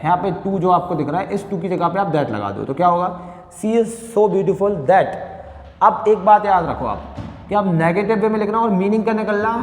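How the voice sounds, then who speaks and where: A high-pitched male teacher gives an exam-prep grammar lesson, checking "clear?" and answering his own questions. His voice rings around a hard room with a long, hanging reverb. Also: a little hiss or hum. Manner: asks the class questions and answers them himself, checks with "clear?"; reads example sentences slowly and deliberately.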